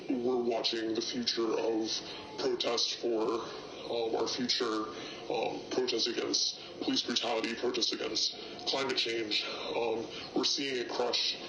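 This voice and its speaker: Protester anonymous, voice distorted to hide identity, flat halting delivery, echoey, noisy recording. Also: mid-range voice. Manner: halting, with many fillers. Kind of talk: recorded personal account.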